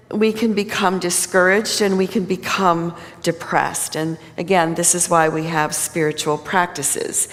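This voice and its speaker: A woman minister giving a conversational sermon at a pulpit microphone in a church. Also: lowish voice. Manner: conversational, plain-spoken. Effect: speaking at a pulpit microphone. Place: church sanctuary. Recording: long reverb of a large hall.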